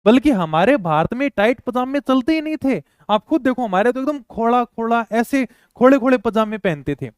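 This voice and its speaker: A man's voice: high voice, smooth, dry recording, clean studio sound. A male teacher giving an exam-prep lecture. He repeats each term several times and asks and answers his own questions.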